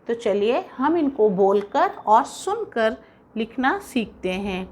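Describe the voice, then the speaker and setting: A woman teacher slowly spelling out words sound by sound for young children, patient and instructive. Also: a little high, big pitch swings, darkish tone, a little hiss or hum. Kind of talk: slow, careful classroom dictation for young children.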